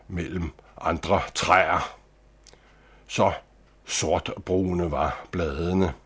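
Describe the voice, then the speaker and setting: A man reading a story aloud in a calm, measured storytelling manner. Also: low-pitched, a little hiss or hum. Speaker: narrator. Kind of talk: scripted storybook narration.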